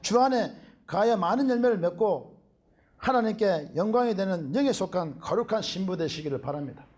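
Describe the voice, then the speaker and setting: Man, middle-aged, pastor preaching a sermon, high-pitched, very animated delivery. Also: normal speed. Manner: animated preaching, calls out hallelujah often.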